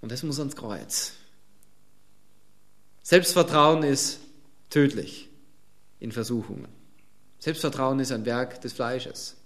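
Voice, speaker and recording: A man's voice: mid-range voice, slow, long pauses, fairly bright tone. A man preaching a sermon, speaking emphatically and pressing his listeners with repeated rhetorical questions.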